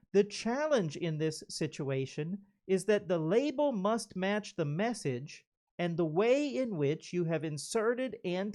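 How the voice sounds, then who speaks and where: A man's voice: high voice, a little mellow. Man giving a carefully enunciated lightning talk. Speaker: conference speaker. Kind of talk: prepared lightning talk presentation.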